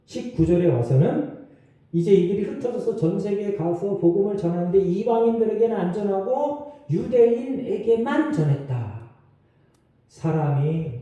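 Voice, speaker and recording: A pastor with a high-pitched, warm voice preaches a sermon in a church sanctuary. He talks loosely and conversationally, with asides and small laughs, and the far-off mic picks up a roomy echo.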